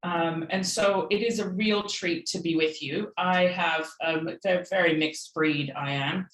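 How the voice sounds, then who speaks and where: A woman from Peru giving a measured, thoughtful online talk over a video call, pausing softly with fillers. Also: lowish voice, steady tone, reverberant, rough recording. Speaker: guest speaker.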